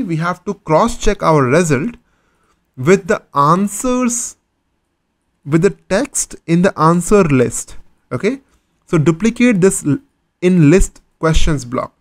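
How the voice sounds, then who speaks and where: A man teaching a step-by-step coding tutorial, patiently posing questions and then answering them himself. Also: fairly high pitch. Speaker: coding instructor. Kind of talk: screen-recorded coding tutorial.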